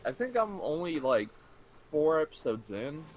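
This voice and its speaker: A man's voice: fairly high pitch, very animated, moderate pace, low-quality recording. Laid-back, foul-mouthed young man. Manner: laid-back, swears freely. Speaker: co-player, friend. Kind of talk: casual chat while gaming.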